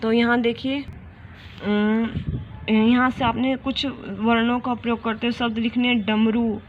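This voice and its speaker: A woman with a somewhat high voice gives a grammar lesson for young children. She explains slowly and repeats each question and example. The recording is dull and lo-fi, with plainly audible noise behind her. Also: flat delivery. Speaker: teacher.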